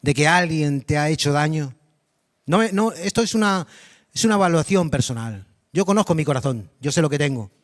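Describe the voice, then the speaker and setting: High-voiced pastor preaching. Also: male voice, a little fast. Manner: animated, dramatic storytelling with repetition; addresses the congregation directly with questions. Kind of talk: sermon. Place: church congregation.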